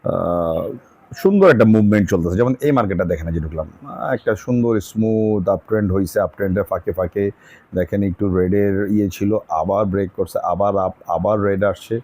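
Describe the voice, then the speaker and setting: A man's voice: sits low, moderate pace, a little mellow, dry recording. A man giving a casual trading lesson over his screen, chatty and repetitive, with many fillers. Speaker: trading tutor.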